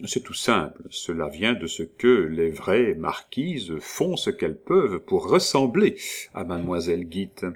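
A man narrating an audiobook, reading expressively with occasional hesitations. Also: deep voice.

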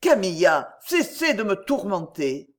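A woman voicing an earnest, lovesick young gentleman in an audiobook, pleading and impassioned. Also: mid-range voice, sing-song, a little slow. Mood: ardent, pleading.

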